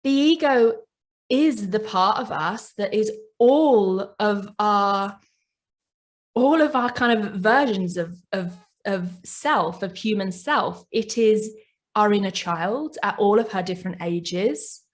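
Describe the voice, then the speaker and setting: Slow, gentle woman. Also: mid-range voice, animated. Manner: gentle, reflective, often asks "right?". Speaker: podcast host and coach. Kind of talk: reflective self-help talk.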